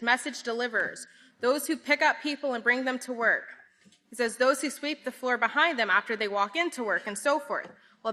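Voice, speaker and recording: A woman's voice: fairly high pitch, pushed and bright. A young woman giving an earnest sermon reading at a pulpit microphone, working through long lists of definitions. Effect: speaking at a pulpit microphone. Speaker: speaker at a church service.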